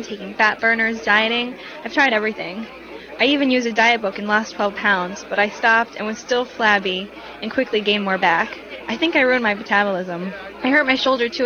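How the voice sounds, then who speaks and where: A woman's voice: on the high side, lightly acted. A woman playing a discouraged, complaining dieter in a radio commercial dialogue. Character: discouraged woman struggling to lose weight. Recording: muffled radio, busy chatter behind.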